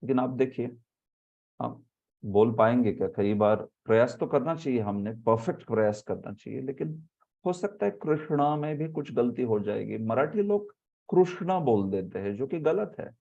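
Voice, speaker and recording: A man leading a scripture class who explains by example and sounds out words slowly. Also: medium pitch, animated, gravelly, warm tone. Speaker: spiritual teacher. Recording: muffled lo-fi audio.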